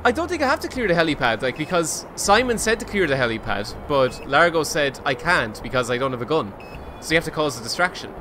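An Irish man commentates casually on a game stream with a sardonic, sweary manner. His voice is fairly high and very animated, with clear game noise behind it. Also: fast talker, few pauses. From Ireland. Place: indoor room, streaming setup.

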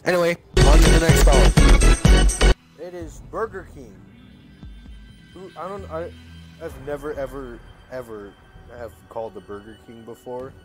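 A young man hosts a prank-call video, chatting in a casual, slangy, jokey way while his voice cracks now and then. His voice is on the high side and a little slow, with long pauses, and loud music plays behind him.

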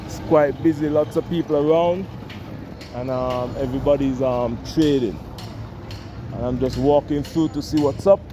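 This Caribbean man in his forties has a medium-pitched, steady voice and works as a travel vlogger. Strolling through a busy outdoor village market, he chats slowly and easily to his camera and offers friendly greetings to people passing by. The selfie camera is held at arm's length, and street noise sits behind his casual walking narration.

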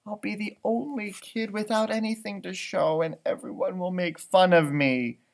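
A man's voice: high-pitched, fairly even intonation, normal speed. A man voicing an anxious, fretful little schoolgirl in a storybook. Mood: tearful worry. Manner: fretful, whiny.

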